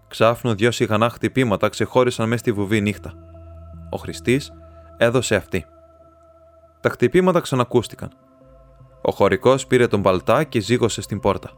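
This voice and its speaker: A man reading a classic short story aloud in a calm storytelling voice. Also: medium pitch. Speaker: audiobook reader.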